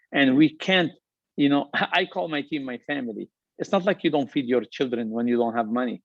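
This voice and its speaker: A middle-aged Lebanese man with a heavy Lebanese accent and a medium-pitched voice with vocal fry, recorded without echo but sounding muffled. He founded a restaurant company and is giving a motivational keynote about his business and his journey. His delivery is earnest and upbeat, emphatic, with repeated phrases.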